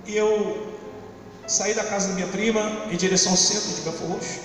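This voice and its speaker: High-voiced preacher in an echoey hall. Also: male voice, fairly even intonation, brisk, recorded from a distance. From São Luís, Maranhão, Brazil. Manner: dramatic storytelling with repetition. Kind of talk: testimony sermon. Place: church hall. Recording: echoey church hall from afar with music.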